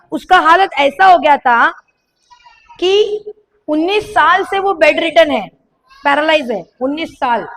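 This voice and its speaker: Telling her story to a congregation, a high-voiced young woman delivers a sermon testimony. She narrates with animation that rises into emphatic calls.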